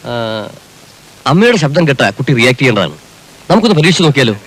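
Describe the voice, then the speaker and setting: An actor playing a doctor at a rescue, brisk and giving orders in a film drama. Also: male voice, mid-range voice, big pitch swings, fairly bright tone, breathy edge, poor audio. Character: calm, instructive male rescue doctor.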